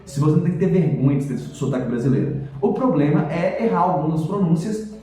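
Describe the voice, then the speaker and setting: A man, an English teacher, explaining pronunciation points in a chatty, lively way and demonstrating sounds. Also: fairly high pitch, fast talker, very echoey, far from the mic, poor audio. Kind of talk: explanatory video lesson.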